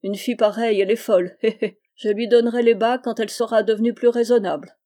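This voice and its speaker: A woman's voice: a little high, fairly even intonation, fast talker, warm tone, lightly acted. A woman playing a boisterous, mocking old-time sailor. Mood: teasing. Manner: laughing, sarcastic, boastful.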